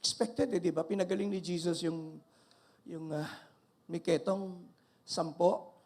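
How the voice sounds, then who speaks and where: Older man preaching with lively energy. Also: sits high, unhurried. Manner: animated preaching, mixing Tagalog and English, call-and-response with congregation. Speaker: pastor. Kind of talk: sermon.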